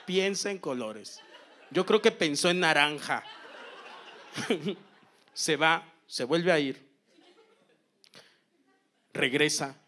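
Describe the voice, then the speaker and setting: Guy doing standup, slow drawn-out delivery, deadpan with loud bursts, kinda high voice. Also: slight background noise. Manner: deadpan storytelling with repeated phrases and sudden loud bursts. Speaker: stand-up comedian. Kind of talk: stand-up comedy routine. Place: comedy stage.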